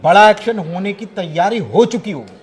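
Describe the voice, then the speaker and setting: A man analysing news in a studio discussion, emphatic and explanatory, often pausing to hesitate. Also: high voice, breathy edge.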